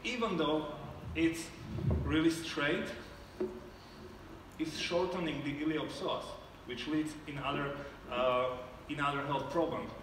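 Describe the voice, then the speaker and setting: On stage at a live pitch Q&A, a man from Slovakia fields questions from judges, stumbling through fillers and false starts. His voice is on the high side and unhurried, with background noise, picked up by a camera far back in the audience that leaves the theater sounding echoey and remote.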